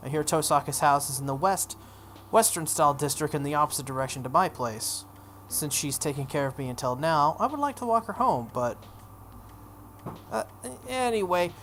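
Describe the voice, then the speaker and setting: With slight background noise behind a fairly bright, mid-range voice, a game playthrough host dramatically reads a story. They perform the characters' lines and keep stopping for casual remarks.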